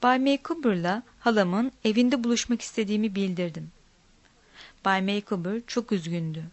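A woman reads a storybook aloud with a measured, plain delivery. Her voice sits at an ordinary middle pitch and is recorded close, with a dry sound and no room echo. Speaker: narrator. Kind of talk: storybook reading.

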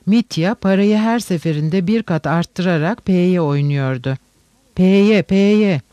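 A man narrating a novel in a steady, even storytelling manner. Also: sits high, a little slow, no room sound. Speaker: audiobook narrator. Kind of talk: scripted literary narration.

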